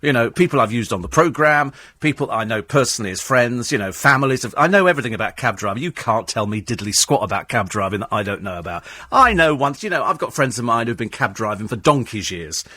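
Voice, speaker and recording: Sarcastic talk radio host ranting. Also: male voice, mid-range voice, animated, fast, sharp tone, slightly rough, no echo. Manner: sarcastic, mocks cabbies in put-on voices. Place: radio studio.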